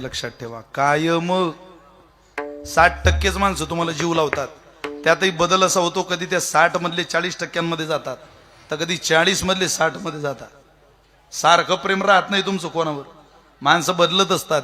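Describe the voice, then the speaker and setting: A man preaching a devotional kirtan sermon in a lively, humorous manner, talking straight to the crowd. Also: high voice. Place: festival pavilion. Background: faint tabla and instruments.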